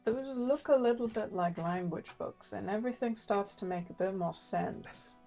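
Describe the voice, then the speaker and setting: A woman's voice: medium pitch, moderate pace, vocal fry, mellow, faint music behind. A woman playing in a tabletop game, chatting in a playful, teasing way. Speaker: player. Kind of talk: in-character tabletop role-play.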